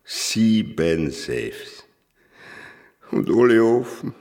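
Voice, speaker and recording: An actor playing a courteous, measured gentleman thief in a radio play, polite and understated. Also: on the low side, very animated, full character voice. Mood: awed.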